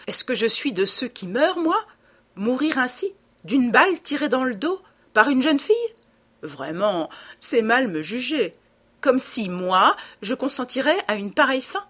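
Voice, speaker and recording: A woman reading an audiobook voices a young male gentleman thief, playful and ironic, with a husky, theatrical delivery. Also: a little high, big pitch swings, a little slow, voice pushed up, full character voice. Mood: mocking. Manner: mocking, gleeful, theatrical.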